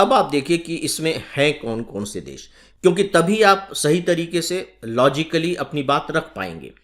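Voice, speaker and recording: A man from India gives an exam-prep lecture in a mid-pitched voice. He explains step by step, asks rhetorical questions and slows down to stress key terms. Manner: lively emphasis, slowing down on key terms. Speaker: teacher.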